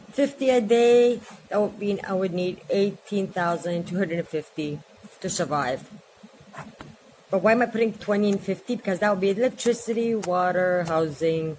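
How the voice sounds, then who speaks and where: A woman in her forties talks to her vlog viewers at home in a loose, rambling way, hopping between subjects. Her voice sits at an ordinary middle pitch. A faint hum of background noise runs under her talk. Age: 40s. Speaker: vlogger. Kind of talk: casual vlog chat.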